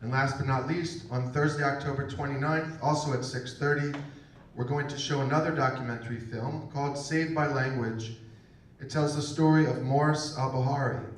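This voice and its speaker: A man's voice: medium pitch, steady tone, a little hiss or hum. Man announcing at an echoey event. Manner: reads announcements with measured pauses. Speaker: program host introducing an event. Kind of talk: formal event introduction. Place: campus event room. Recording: echoey room, far from the mic.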